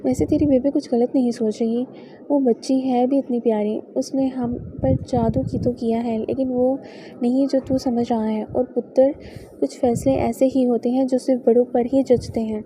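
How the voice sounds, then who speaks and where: A woman reading the lines of an elderly village father who is gentle but firm, fatherly and persuasive. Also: on the high side, fairly even intonation, a little hiss or hum, close to an everyday voice.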